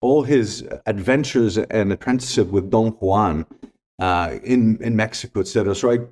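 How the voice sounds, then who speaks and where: A man in middle age who grew up speaking Greek appears as a podcast guest, telling stories and reflecting with earnest emphasis and repeated key points. His voice sits lowish, slightly mellow, at a normal speed.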